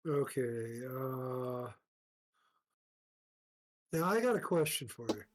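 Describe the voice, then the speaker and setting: A player at a tabletop game asking rules questions in a halting way with many fillers. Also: mid-range voice, animated. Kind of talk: casual game talk.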